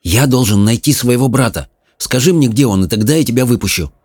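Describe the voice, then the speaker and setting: An audiobook narrator voicing a calm, firm young boy. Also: mid-range voice, fairly quick, slightly rough, no room sound, clean studio sound. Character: brave, practical young boy.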